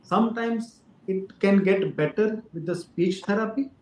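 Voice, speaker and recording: A man speaks as a doctor, explaining things patiently and filling pauses with "uh". His voice sits slightly high. The room around him rings with a noticeable echo. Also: a little hiss or hum. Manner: careful explainer with frequent fillers. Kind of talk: explaining to an interviewer. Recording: roomy echo.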